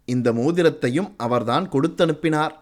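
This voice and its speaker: A man's voice: on the high side, moderate pace, darkish tone, close to an everyday voice. A man voicing a polite, humble young warrior delivering a message, answering modestly and respectfully in an audiobook story.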